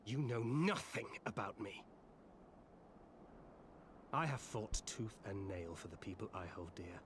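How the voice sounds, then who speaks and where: Hard, unsentimental game fighter, low voice, clipped orders. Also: male voice, expressive, a little slow, background noise. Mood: stern. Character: stern battle-worn man, blunt and hard. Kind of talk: video game voice acting.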